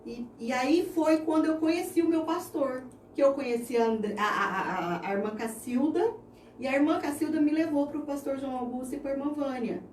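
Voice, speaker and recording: A Brazilian woman in her thirties shares a personal faith testimony in an interview, earnest and heartfelt. Her voice sits a little high and sounds mellow. She is heard from some distance in an echoey room with faint background noise. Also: moderate pace. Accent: Brazilian Portuguese. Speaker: interview guest.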